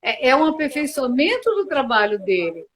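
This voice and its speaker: A woman's voice: high-pitched, very animated, moderate pace, low-quality recording. A Brazilian woman mediator answering interview questions earnestly, often restarting with hesitant fillers, on a video call. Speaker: mediator and guest.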